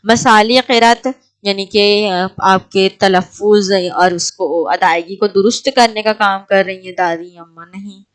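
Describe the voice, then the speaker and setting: A woman's voice: mid-range voice, fairly even intonation. A woman teaching an exam prep lecture, asking her class questions and then answering them herself.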